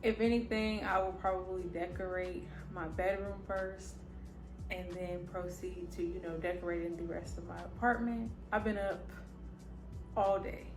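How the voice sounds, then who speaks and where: A woman's voice: on the low side, fairly even intonation, moderate pace. A woman vlogging casually, with a slight lisp from wearing retainers. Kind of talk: casual vlog chat. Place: indoors at home, echoey apartment room. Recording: roomy echo, music behind.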